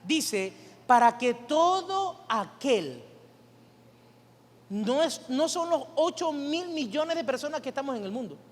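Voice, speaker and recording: A male pastor preaching in a high voice, throwing rhetorical questions at the congregation and drawing answers back from them. His sermon rings with the long reverb of a church hall. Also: expressive, normal speed, hardly any pauses.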